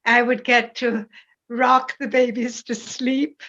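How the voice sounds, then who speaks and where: An older woman with a Jamaican accent, calmly and reflectively recalling her upbringing as an interview guest. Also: on the high side, slow pace, highs cut off. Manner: calm, reflective storytelling. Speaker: parishioner guest. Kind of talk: casual interview.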